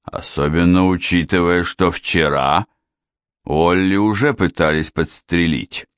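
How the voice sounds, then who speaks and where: A man voicing an irritable, blustering middle-aged father in an audiobook, speaking gruffly and snapping. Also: deep voice, measured pace, no echo, clean studio sound.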